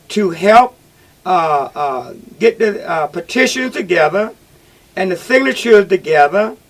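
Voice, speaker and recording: A man hosting a talk radio call-in show, speaking in a halting, repetitive and emphatic way. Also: high-pitched, gravelly, fairly bright tone, poor audio.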